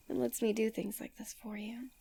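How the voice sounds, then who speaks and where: Woman playing a breathy ASMR role-play fox-spirit wife. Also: on the high side, steady tone, exaggerated voice. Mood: soothing, affectionate. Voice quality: breathy, soft. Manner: slow, intimate, gentle, soothing delivery. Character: doting, possessive fox-spirit wife, adoring and tender.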